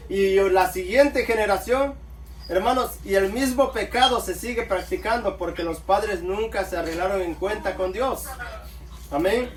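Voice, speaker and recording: A man preaching a sermon, calling his listeners brothers and answering himself with amen. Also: high voice. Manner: addresses listeners as brothers, calls out amen often. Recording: echoey room, mic far off, faint background noise.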